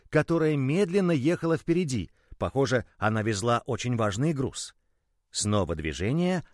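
A man narrating a children's story in a gentle, expressive way. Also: medium pitch, no echo, studio quality.

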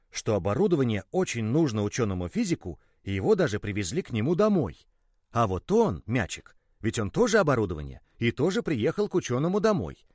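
A man narrating a children's story in a gentle, expressive way. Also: mid-range voice, no room sound, studio quality.

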